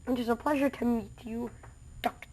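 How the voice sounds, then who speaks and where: A woman's voice: fairly high pitch, fairly even intonation, normal speed, darkish tone, husky. A woman reading a fan story aloud, voicing a formal female pony princess with a stately, courteous manner.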